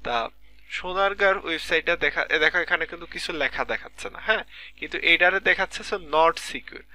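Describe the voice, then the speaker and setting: A man's voice: sits high, fast talker, sharp tone. A man teaching a live online class from a computer mic, explaining step by step and checking in with students often, with a Bangladeshi Bengali accent. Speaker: lecturer.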